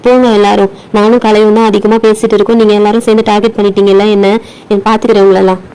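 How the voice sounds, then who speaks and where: A touchy, sulking young doll girl , played by a woman, in a doll play story. She complains in a quick, mellow, even voice. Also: mid-range voice, clean tone, lightly acted, poor audio. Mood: aggrieved. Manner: sulky and aggrieved.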